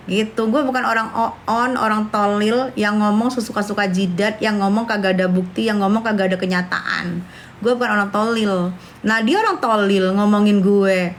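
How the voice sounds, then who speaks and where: A woman's voice: medium pitch, steady tone, moderate pace, a little hiss or hum. A woman, chatting brashly and scornfully on a livestream, calling her viewers darling. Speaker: livestream host. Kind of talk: casual livestream chat with viewers.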